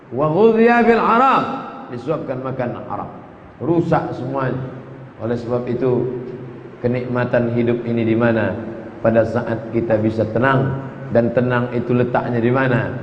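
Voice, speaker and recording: A man preaching a sermon, chanting Arabic verses and driving his points home with rising, emphatic repetitions. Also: mid-range voice. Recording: echoey hall, dull lo-fi sound, faint noise.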